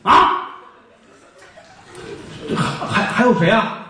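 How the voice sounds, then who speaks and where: A loud, scolding county magistrate, pompous and unfair, played by a male storyteller. His voice is high and swings widely. It sounds distant, with a lot of echo and faint noise behind it. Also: big pitch swings, slow pace, exaggerated voice. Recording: echoey hall from far off.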